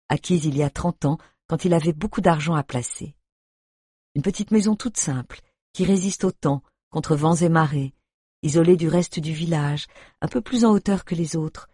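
A husky narrator reading a novel aloud, calm and measured, mid-pitched. The sound is dry and close, with no room around it. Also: no room sound. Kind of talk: audiobook narration.

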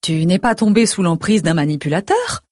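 A woman voicing a worried middle-aged mother who fires off anxious, pleading questions in a breathy voice. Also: lowish voice, lively intonation, darkish tone, no echo, studio quality. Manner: rapid stream of anxious questions.

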